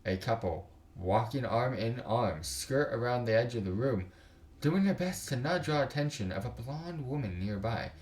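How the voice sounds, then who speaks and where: Speaking at a normal pace with lively intonation, this young man has a medium-pitched, slightly mellow voice that echoes in the room. During a casual indoor livestream at his computer, he reads a visual novel's story text aloud, trips over some lines, and adds slangy jokes along the way.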